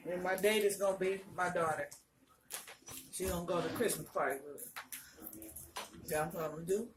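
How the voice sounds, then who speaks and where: A woman's voice: fairly low pitch, moderate pace. A woman chats casually and frankly between bites of crunchy fried chicken, in a colloquial mukbang style. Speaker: vlogger. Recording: roomy, distant mic, faint noise, clicks.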